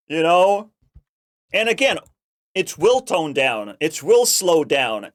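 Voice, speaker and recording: Slow-talking man in a mocking rant. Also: a little high, no echo, studio quality. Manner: profane, mocking, drawn-out emphasis. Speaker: reaction video host. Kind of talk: casual ranting commentary.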